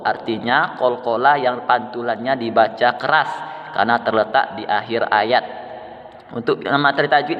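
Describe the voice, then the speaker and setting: A male teacher with an Indonesian accent, explaining Quran recitation to children slowly and carefully, repeating letter sounds. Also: mid-range voice. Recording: long reverb, dull sound, faint music.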